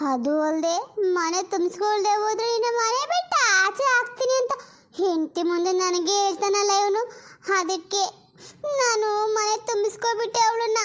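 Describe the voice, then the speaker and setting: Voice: very high voice, normal speed, fairly bright tone. A performer voicing a grieving elderly mother-in-law who laments and sobs in a family drama. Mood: wailing. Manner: wailing and lamenting, sobbing pleas.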